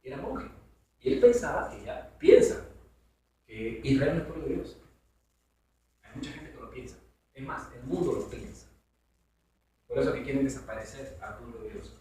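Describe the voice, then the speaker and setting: A man's voice: mid-range voice, animated, normal speed, pauses often, dark tone. A man teaching a Bible study to a congregation in a conversational way, asking his listeners questions. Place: church hall. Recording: very echoey hall from far off.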